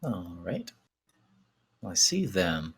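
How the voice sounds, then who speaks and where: A man plays in a casual tabletop game, blunt and joking. His voice sits very low, with a husky edge. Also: very animated, slow pace. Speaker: player.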